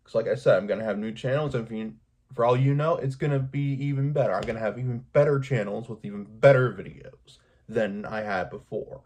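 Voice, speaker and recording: A video creator rambles earnestly through an unscripted pep talk for his viewers, repeating himself to stress his points. His medium-pitched voice is a little mellow and a touch fast in this casual vlog monologue.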